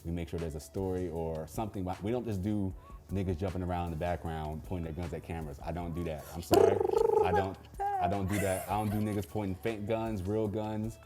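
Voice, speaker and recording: A young man from Baltimore, Maryland, who directs films and music videos answers questions in a casual Q&A, relaxed and laid-back with many pauses and fillers. His voice sits low.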